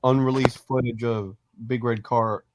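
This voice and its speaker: A man's voice: medium pitch, steady tone, a little slow, no room sound. A man co-hosting a casual fan podcast, talking in a rambling, hesitant way with many restarts. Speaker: podcast co-host.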